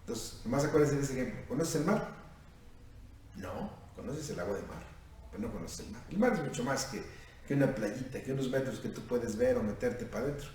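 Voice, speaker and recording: A man's voice: medium pitch, expressive, a little fast, darkish tone. A Mexican priest in his fifties with a Mexican accent, preaching a sermon at a youth retreat, questioning his listeners and calling them "mijo". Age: 50s. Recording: echoey room from far off, faint noise.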